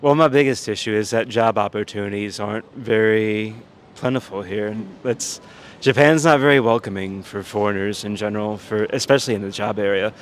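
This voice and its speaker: A man from Louisiana answers interview questions frankly and at a measured pace. His voice sits fairly low, with faint ambient noise around him. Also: fairly even intonation. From Louisiana, United States.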